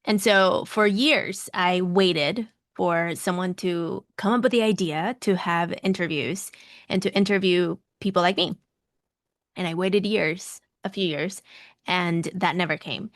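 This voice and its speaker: A woman's voice: fairly low pitch, measured pace, dry recording, clean studio sound. A woman with a Mexican, Latin American accent, telling her story conversationally as a podcast guest, repeating phrases for emphasis. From Mexico City, Mexico. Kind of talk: conversational personal storytelling in an interview.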